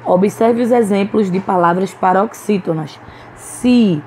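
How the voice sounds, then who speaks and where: A woman's voice: mid-range voice, unhurried, darkish tone, slight background noise, rough recording. A woman teacher with a Brazilian Portuguese accent giving a recorded lesson to young children, patiently sounding out words syllable by syllable. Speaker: primary school teacher. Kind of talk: recorded online class.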